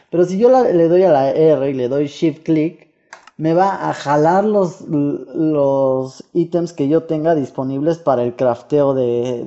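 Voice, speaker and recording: A man walks viewers through a game mod in a casual, chatty tutorial. His voice is very dark and mellow, sitting a bit high, and he keeps restarting with fillers and posing himself playful questions. The home recording sounds dull and lo-fi. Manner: chatty, full of fillers and self-corrections. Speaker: YouTube gaming channel host.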